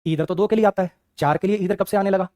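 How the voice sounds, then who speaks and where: Male grammar teacher, quick and high-pitched, scolding and questioning. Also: a little mellow. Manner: brisk, scolding rhetorical questions to students. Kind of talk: exam-prep grammar lecture.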